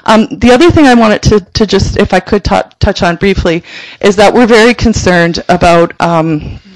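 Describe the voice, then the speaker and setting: A man's voice: high voice, no room sound, poor audio. A man, a social worker, presenting to a city council passionately, often restarting his sentences, speaking into a table microphone in a council chamber. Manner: passionate, halting with frequent restarts.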